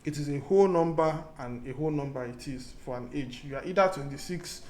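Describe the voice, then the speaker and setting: Thinking aloud through a casual screen-recorded coding lesson, a male tutor frequently restarts and goes back over his key points. He speaks a little fast, in a fairly high, slightly mellow voice.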